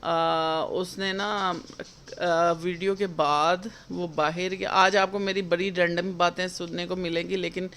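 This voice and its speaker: A middle-aged woman vlogger chatting casually in a rambling, homely way, with frequent pauses and fillers. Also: lowish voice, little pitch movement, a bit bright, a little hiss or hum. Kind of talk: casual chat.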